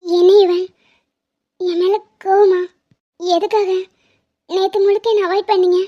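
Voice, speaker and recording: A woman doing a cartoon heroine in love, anxious and clingy, speaking in a very high, soft-toned voice with a mellow, dark timbre. She pleads with emotion, and the audio sounds dull and lo-fi. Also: flat delivery, measured pace. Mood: hurt. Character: young woman, clingy, anxious and devoted lover.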